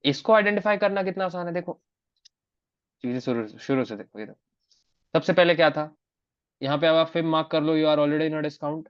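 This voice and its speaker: A man's voice: on the high side, normal speed, pauses often, smooth, no echo, dull audio. A man mentoring trading students in a live online class, repeating key phrases for emphasis and switching between two languages.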